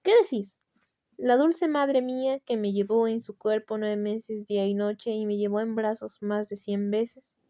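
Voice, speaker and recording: A woman's voice: medium pitch, steady tone, unhurried, warm tone, natural voice. A woman with a Latin American Spanish accent voicing a dying male sinner who feigns tearful, humble piety in a storybook reading. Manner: tearful, pleading, feigned humility. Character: dying male sinner, false pious penitent.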